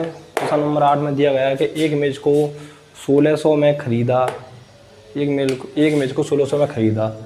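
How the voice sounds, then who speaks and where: A man's voice: medium pitch, warm tone, slight background noise. A man teaching a blackboard maths lesson, asking the class questions and then answering them himself. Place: classroom with a board.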